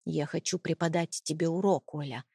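A woman's voice: fairly low pitch, normal speed, darkish tone, no echo, studio quality, close to an everyday voice. Woman voicing an icy, mocking husband. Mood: cold menace. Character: cold, contemptuous, domineering husband, adult man. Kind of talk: audiobook character reading.

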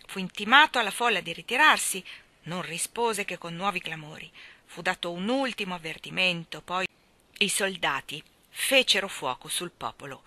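A woman reads a historical memoir aloud with a bright, forceful voice. Her delivery is dramatic, sinking into hushed, almost whispered phrases and climbing to emphatic heights. It is a steady audiobook narration. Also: on the low side, dry recording. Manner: dramatic, shifting between hushed near-whispers and raised emphatic passages. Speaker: reader.

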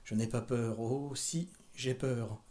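A timid, frightened teenage girl, voiced by a man reading a novel aloud. She pleads in a raised, strained tone, her voice pitched well up. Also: normal speed, darkish tone, close to an everyday voice. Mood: fearful.

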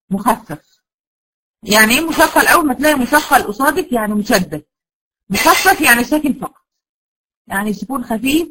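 An Egyptian woman gives a classroom lesson in Quran recitation. She keeps putting questions to her students and answering them herself, and she stretches out the key terms slowly. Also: fairly high pitch, fairly bright tone, rough recording. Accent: Egyptian Arabic. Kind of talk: classroom lecture.

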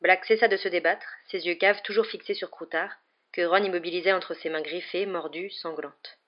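A woman reading a chapter aloud as a bedtime story for a web radio show, in a chatty, steady way. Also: on the low side, normal speed, lo-fi sound. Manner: chatty recap, then steady narration. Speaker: radio reader.

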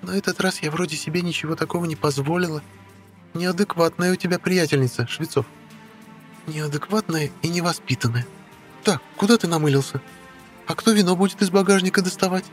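A man's voice: on the high side, a little fast, soft background music, pitched above the performer's own voice, lightly acted. A man putting on a vain, bossy young witch. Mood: scolding. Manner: haughty, imperious and teasing. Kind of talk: audiobook character voice.

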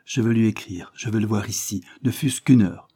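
Anxious hurried wife, urgent and pleading, higher tone, as a male narrator puts her on, husky edge. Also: warm tone.

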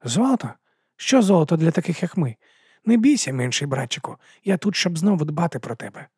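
A man voicing a sardonic, gruff wolf companion. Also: a little high, big pitch swings, a little fast, a little mellow, no room sound, studio quality, pitched above the performer's own voice, full character voice. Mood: teasing. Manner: gruff, teasing, protective. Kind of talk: audiobook reading.

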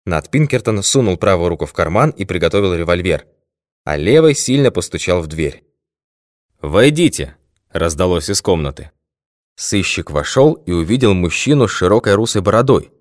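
A man reading a novel aloud as an audiobook narrator, evenly and measured. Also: low voice, no echo, clean studio sound. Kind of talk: scripted narration.

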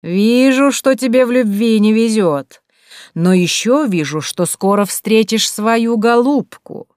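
Showy fortune-teller, put on by a female narrator; loud, slow and sing-song. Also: on the high side, lively intonation, no echo, studio quality, voice pushed up. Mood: theatrical. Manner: loud, drawn-out, theatrical. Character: woman posing as a gushing fortune-teller.

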